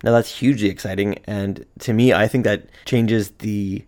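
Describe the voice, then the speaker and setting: A man hosts a podcast in an upbeat, chatty way, with plenty of casual fillers. His voice sits somewhat low. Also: steady tone, moderate pace, a little mellow. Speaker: podcast host. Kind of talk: podcast intro and interview.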